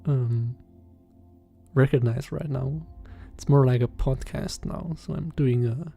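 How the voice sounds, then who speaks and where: Slow, mellow-voiced German-accented young man. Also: mid-range voice, fairly even intonation, creaky, slightly rough, faint music behind. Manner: hesitant, halting, with many fillers and soft chuckles. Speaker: channel host. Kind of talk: casual podcast-style voiceover. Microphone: voiceover recorded separately.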